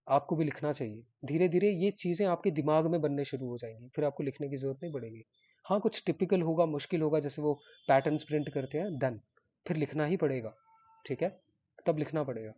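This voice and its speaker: Man teaching coding, chatty and repetitive, slightly higher pitch, dull lo-fi recording. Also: breathy edge. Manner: chatty, repeats himself, checks in with "ठीक है?". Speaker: programming teacher. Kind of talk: live coding lecture.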